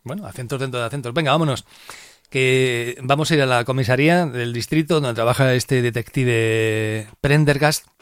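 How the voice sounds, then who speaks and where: A man from Spain hosting a podcast, chatting casually and retelling a film in an animated way. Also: mid-range voice, normal speed, smooth, no room sound. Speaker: podcast host.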